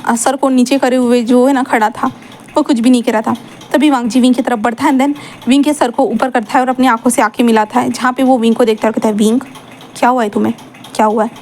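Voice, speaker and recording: A woman's voice: a little high, darkish tone, a little hiss or hum. A woman telling a fan-fiction story in a casual, chatty way, full of fillers and English words mixed in.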